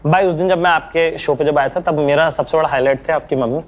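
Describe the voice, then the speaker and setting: A man with a fairly high voice who interviews a guest in a relaxed, informal chat. He asks his questions in a friendly way. Between the guest's answers he keeps up a stream of short agreeing replies. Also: fast.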